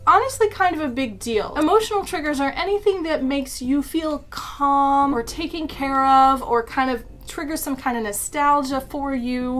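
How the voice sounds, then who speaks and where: A young woman talks through a topic in a relaxed explainer style, her voice pitched slightly high. She is chatty and self-deprecating and leans on "like" as she goes. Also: slight background noise. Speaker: YouTube creator. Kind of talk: casual explainer talk.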